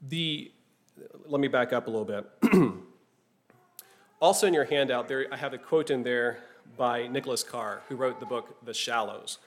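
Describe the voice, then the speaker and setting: During a classroom lecture, a man with a mid-range voice teaches at normal speed. He speaks thoughtfully, often restarting phrases and checking in with "right?".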